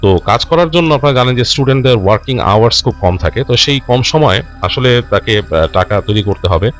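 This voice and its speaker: Over background music, a male host tells a ghost story sent in by a listener, chatting with lively pitch changes. He pauses, corrects himself, repeats and rephrases as he goes, and slips English words into his speech.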